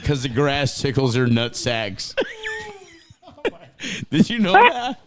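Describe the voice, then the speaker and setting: A man's voice: mid-range voice, huge pitch swings, takes it slowly, fairly bright tone. A man co-hosting a comedy podcast, telling crude jokes in casual chat and laughing at them himself. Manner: crude, joking, laughs at his own jokes. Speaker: podcast co-host.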